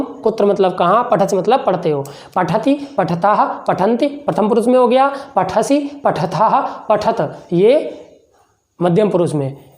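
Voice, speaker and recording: Man teaching slowly, answering his own questions. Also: high-pitched. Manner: slow and deliberate, repeats phrases word by word; asks questions and answers them himself. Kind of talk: classroom lesson explanation.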